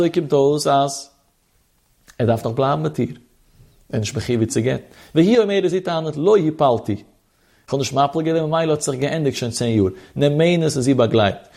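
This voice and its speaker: A man giving a traditional religious text lesson, reading passages aloud and explaining them in a sing-song lilt, with a gravelly voice. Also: mid-range voice, dark tone. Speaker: religious teacher.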